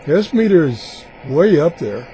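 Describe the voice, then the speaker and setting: A man casually demonstrating radio scanning, haltingly thinking aloud as he goes. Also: fairly high pitch, big pitch swings, warm tone, slight background noise, low-quality recording. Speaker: radio hobbyist host.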